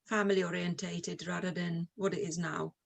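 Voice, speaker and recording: With a lowish, steady voice touched by vocal fry, a middle-aged woman from Slovakia chats at a normal speed about her own life. She's an interview guest speaking English with a Slovak accent in a relaxed exchange, originally from Eastern Europe.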